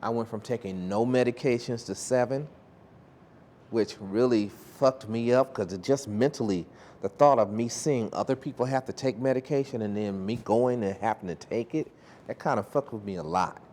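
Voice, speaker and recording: A man giving blunt, profane interview answers in an animated way. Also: mid-range voice, moderate pace.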